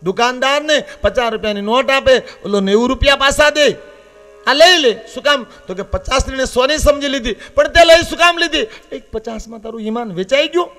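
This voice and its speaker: A man in his fifties from Gujarat with a Saurashtra accent, preaching a devotional sermon, swinging between loud warnings and low confiding asides. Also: fairly quick, hardly any pauses. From Gujarat, India. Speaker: Shiva katha preacher. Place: open-air katha gathering with live accompaniment.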